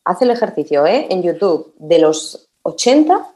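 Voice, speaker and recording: A woman's voice: fairly low pitch, big pitch swings, a little slow, warm tone. A woman, a guest in a casual conversation who talks emphatically and repeats words for stress. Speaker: podcast guest.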